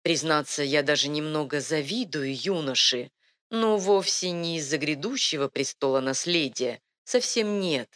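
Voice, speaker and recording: A woman voicing a charming, flattering nobleman with a soft, velvety manner in an audiobook. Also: deep voice, normal speed. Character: velvet-voiced charming male lord, seductive. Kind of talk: audiobook reading.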